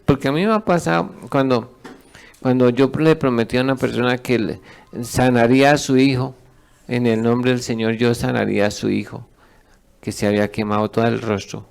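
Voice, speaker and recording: A man's voice: medium pitch, gravelly. A man, a pastor teaching a sermon who asks his congregation questions and lets them answer.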